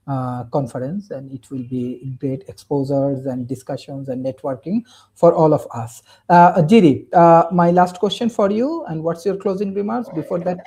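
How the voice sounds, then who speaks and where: A man's voice: on the high side, dark tone, husky. A man moderating an online conference panel, with hesitant, repetitive phrasing.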